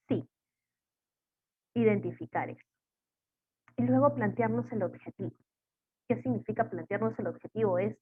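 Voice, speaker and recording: A woman gives a webinar talk as a psychologist, piling up rhetorical questions as she teaches. Her voice sits a little high and sounds husky. It comes through a dry, tinny video-call line. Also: dry recording.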